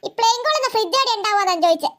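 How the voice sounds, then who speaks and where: A woman's voice: extremely high pitch, animated, very fast, bright, forceful tone, exaggerated voice. A woman voicing a naive, talkative old village woman in a cartoon, who argues in indignant bursts. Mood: chatty, indignant. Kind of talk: cartoon voice acting.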